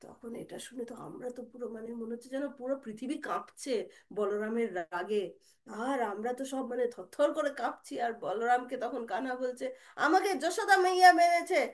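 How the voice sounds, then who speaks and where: A woman telling a devotional story in an animated, dramatic way. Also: fairly high pitch, brisk.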